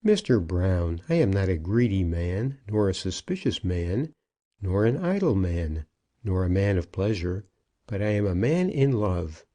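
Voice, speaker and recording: In this audiobook, a man with a low, dark voice plays a pompous junior business partner who is earnest, formal and insistent. His delivery is sing-song and measured, and the mood is earnest and demanding.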